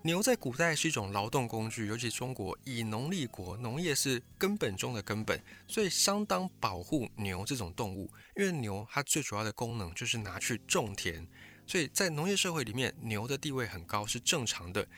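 Bright-voiced man explaining history. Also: mid-range voice, sing-song, a little fast, faint music behind. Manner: explanatory, storytelling. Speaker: history channel host. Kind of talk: scripted history talk.

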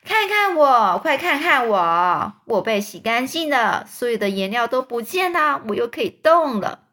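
Woman reading as a storybook centipede: loud, high, singsong bragging. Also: animated, heavily acted. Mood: ecstatic. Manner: loud, singsong, drawn-out exclaiming. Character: jubilant boastful male centipede pest.

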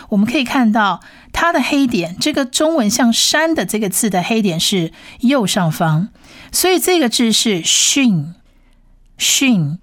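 A woman teaching a language lesson who patiently repeats each sound slowly several times. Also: mid-range voice, no room sound, studio quality.

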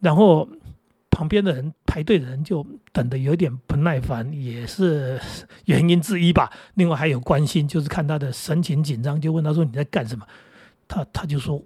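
A man's voice: fairly high pitch, normal speed, dark tone, slightly rough, no room sound, clean studio sound. A middle-aged man with a Taiwanese Mandarin accent, hosting a casual chat and rambling through anecdotes with many fillers. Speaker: podcast host.

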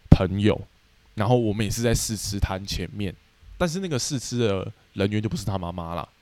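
A man co-hosting a podcast, recounting a dream in relaxed casual chat and teasing his co-host. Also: on the low side, no echo. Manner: relaxed, teasing, with blunt swearing.

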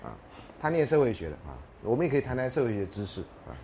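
A man's voice: mid-range voice, big pitch swings, very fast, background noise. A man lecturing a university class, telling jokes and anecdotes and often laughing mid-sentence.

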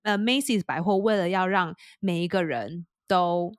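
A woman telling a funny story in a casual chat, laughing often and acting out quotes in higher voices. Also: normal speed, clear, resonant tone, no echo, clean studio sound. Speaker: podcast co-host.

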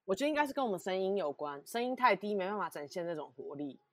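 A woman co-hosting a casual podcast chat, telling stories with animated, emphatic repetition. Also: medium pitch, fast, no room sound, studio quality. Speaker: podcast co-host.

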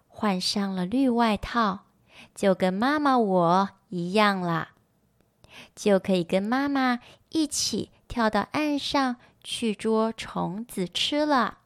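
A woman's voice: mid-range voice, slow, dry recording, studio quality. A woman as a tender loving mother frog.

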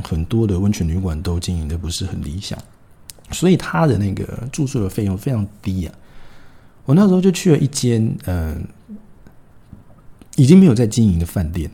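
Lively, husky-voiced Taiwanese storyteller man. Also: lowish voice. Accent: Taiwanese Mandarin. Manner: animated, wry, frequent fillers and asides. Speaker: podcast host. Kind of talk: casual storytelling.

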